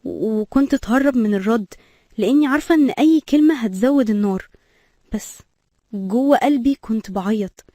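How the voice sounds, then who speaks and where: A woman's voice: on the high side, a little fast, mellow, no echo, clean studio sound. A young woman with an Egyptian accent, telling her own story in a dramatic, emotional scripted narration. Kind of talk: scripted first-person storytelling.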